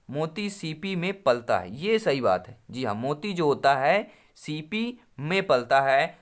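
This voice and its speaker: A man teaching a Hindi exam-prep lesson, going through questions one by one, calling viewers his friends, repeating each answer and asking them to reply. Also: fairly high pitch. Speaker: Hindi teacher at a coaching channel.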